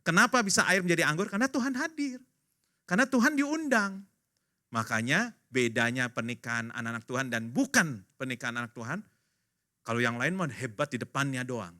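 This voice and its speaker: A man's voice: medium pitch, animated, a little fast, pushed and bright. A man in his fifties, a pastor, preaching a casual, joking sermon to his congregation at a church service and acting out the voices of the people he quotes.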